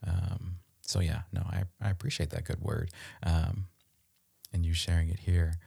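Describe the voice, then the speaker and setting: Man, very low voice, podcast co-host, earnest and reflective, lots of restarts and fillers. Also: little pitch movement, normal speed, gravelly, mellow, slightly rough. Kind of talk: casual conversational discussion.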